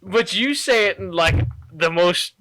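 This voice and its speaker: A young man hosting a casual chat, joking and laughing often, his voice jumping higher when he gets indignant. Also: unhurried. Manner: animated, gets loud and high when indignant. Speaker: podcast host.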